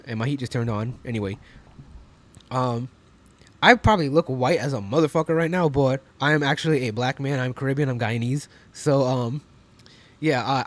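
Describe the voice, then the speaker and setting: A man's voice: mid-range voice, normal speed. A man in his twenties giving casual, profane reaction commentary at home, chatty and full of slang. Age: 20s. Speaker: reaction streamer.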